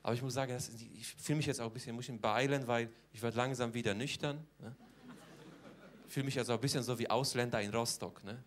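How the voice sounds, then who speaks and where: A man's voice: medium pitch, fairly even intonation, fast talker, natural voice. A man doing stand-up as a cheeky, boastful Polish man with a Polish accent, speaking broken German and tagging almost every line with a question. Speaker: comedian in character. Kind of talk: stand-up comedy.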